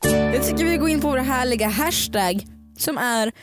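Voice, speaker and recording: A woman's voice: high voice, lively intonation, loud music behind the voice. A woman co-hosting a casual podcast, playful, reading listener questions aloud and acting out little scenes. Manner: playful, reads listener questions, slips into mock voices. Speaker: podcast co-host. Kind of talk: casual chat.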